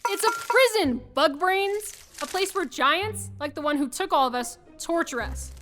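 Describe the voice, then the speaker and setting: A woman's voice: very high-pitched, expressive, measured pace, a bit bright, soft background music, full character voice. A woman playing a determined, feisty young city ladybug in a children's audio drama, dramatic and urgent. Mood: grave warning.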